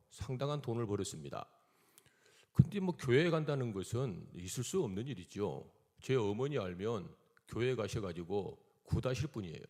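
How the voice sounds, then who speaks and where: A man's voice: on the low side, darkish tone. A man preaching a testimony sermon in a Gwangyang dialect, telling his story and acting out the quoted dialogue. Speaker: missionary preacher. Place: church hall. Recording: reverberant church hall.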